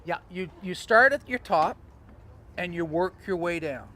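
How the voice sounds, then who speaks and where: A man coaching sailors on sail trim, talking in an animated, storytelling way with chuckling asides. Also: sits high, a little slow. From Canada. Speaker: sailing coach. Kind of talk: outdoor teaching talk.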